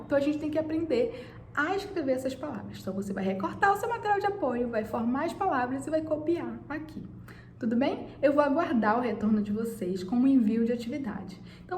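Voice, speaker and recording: A woman's voice: high voice, a little mellow. A woman teacher giving a lesson to children, speaking to the pupils directly and asking them questions. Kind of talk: online class lesson for children. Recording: echoey room, faint noise.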